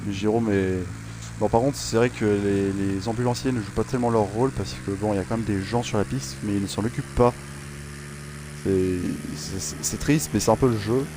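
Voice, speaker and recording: A man with a steady, lowish voice talks a little fast while game sounds and music make the background noisy. He's a gaming channel host rambling and joking over his racing gameplay, with frequent fillers and restarts.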